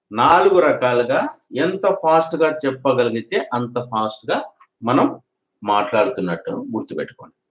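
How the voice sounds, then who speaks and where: A man with a Telugu accent teaching an English grammar lesson. He drills example sentences, repeats each one and urges his students to practise quickly. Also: mid-range voice, reverberant.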